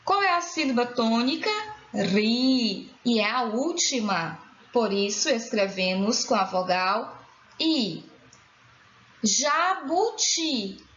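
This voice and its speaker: Slow, clear Brazilian woman teacher. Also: on the high side, lively intonation, a bit bright. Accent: Brazilian Portuguese. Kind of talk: recorded school lesson for children. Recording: dull lo-fi sound in an echoey room.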